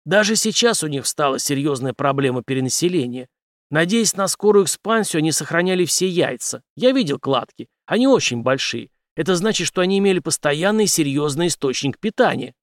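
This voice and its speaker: A man's voice: a little high, animated, a little fast, no room sound, clean studio sound. Emphatic male audiobook narrator. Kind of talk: scripted narration.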